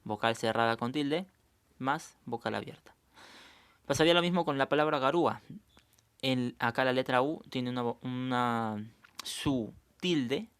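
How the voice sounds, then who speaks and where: A man walks through a recorded review lesson at his own pace. He explains patiently, point by point, and keeps checking that his students are following. His voice sits at an ordinary middle pitch for a man. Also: a bit bright, clean tone. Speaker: teacher.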